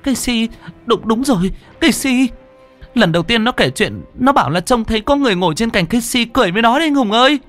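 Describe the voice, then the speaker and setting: A man's voice: very high voice, extremely slow, hardly any pauses, fairly bright tone, faint music behind, pitched above the performer's own voice, full character voice. A man voicing a terrified young woman lodger who stammers in panic. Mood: panicked.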